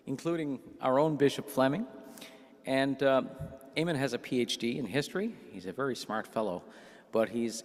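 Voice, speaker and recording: Guy introducing the next speaker, lots of ums and stumbles, big church echo. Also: medium pitch. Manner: halting, hesitant, many ums. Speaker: event host introducing the speaker. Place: cathedral. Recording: long hall reverb in a cathedral.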